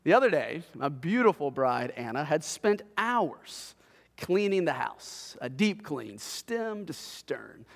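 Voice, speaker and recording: A man preaching a sermon, telling a family story in an animated way with a sarcastic edge. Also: a little high, slow pace, gravelly, in a large hall. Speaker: pastor.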